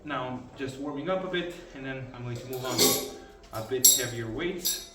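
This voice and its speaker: A man's voice: mid-range voice, normal speed. Brief: man, casual training vlog, breezy explainer with fillers, now and then winded, echoey room. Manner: breezy, explaining exercises between sets with many fillers. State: out of breath at times. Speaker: arm wrestler filming his training. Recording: roomy sound from a far camera, faint music.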